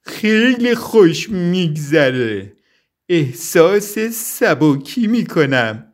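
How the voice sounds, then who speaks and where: A man's voice: fairly high pitch, very animated. A man doing a grumbling giant gummy bear. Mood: happy. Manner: grumbling, easily offended.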